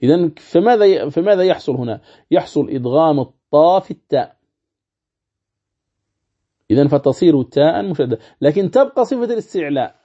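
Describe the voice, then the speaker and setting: A sheikh teaching a recorded lesson on Quran recitation. He explains step by step, repeats his points and slowly demonstrates recited words. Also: a little high, animated, dark tone. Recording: dull lo-fi recording.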